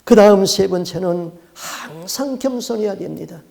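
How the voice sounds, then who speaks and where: High-voiced, mellow Korean pastor preaching. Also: male voice, moderate pace, gravelly. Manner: storytelling preacher asking rhetorical questions; emphatic, repeats key words. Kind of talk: sermon.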